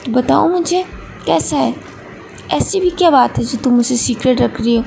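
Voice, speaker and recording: A woman's voice: high voice, moderate pace, creaky, darkish tone, a little hiss or hum. A woman voicing a coaxing young college guy. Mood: sulky. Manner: pleading, then sulky and coaxing. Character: teasing young male college student.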